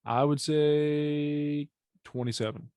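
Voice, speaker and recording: A man in his twenties hosting a podcast, laid back, tossing out questions and quick reactions. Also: on the high side, steady tone, a little mellow, clear, resonant tone, no echo. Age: 20s. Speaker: podcast host. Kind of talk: casual chat.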